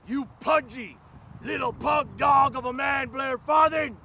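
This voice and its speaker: A man delivering a wrestling promo with menacing, drawn-out threats in a gravelly voice. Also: very high-pitched, pushed and bright. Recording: clear background noise.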